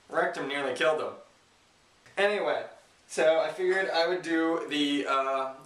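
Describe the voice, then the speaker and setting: A man's voice: mid-range voice, pushed and bright. A man chatting casually to camera in an informal, self-deprecating, joking way as a challenge vlogger. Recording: roomy echo, distant microphone.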